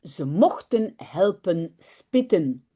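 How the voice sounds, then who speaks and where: Animated woman teacher reading slowly. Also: fairly low pitch, husky. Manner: animated, friendly, slow and careful reading. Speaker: Dutch language teacher. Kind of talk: reading a children's story aloud and explaining it. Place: home office.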